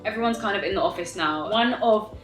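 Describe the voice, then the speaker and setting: A young woman chats to her viewers as she tells a story, in a bright, punchy voice. She is animated and exasperated, leaning hard on key words and tossing out rhetorical questions. The room adds a noticeable echo and soft music plays underneath. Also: mid-range voice, brisk. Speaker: storytime vlogger eating on camera. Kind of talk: casual storytime chat to viewers.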